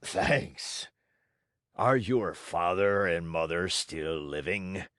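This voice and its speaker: Gruff bearded male showman, as a man puts him on, hoarse and booming, bad-tempered yet soft underneath; slow, dragging delivery in a dry, close recording. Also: expressive, no room sound, heavily acted.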